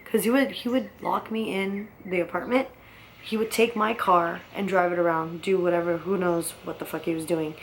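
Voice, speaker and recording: A woman's voice: on the low side, fairly even intonation, moderate pace, a little hiss or hum. A young woman casually telling her own story in a rambling, blunt way, swearing often.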